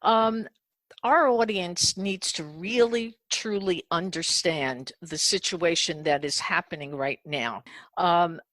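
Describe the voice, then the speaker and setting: A woman hosting a talk show interview, asking measured, deliberate questions. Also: fairly low pitch, fairly bright tone, no echo.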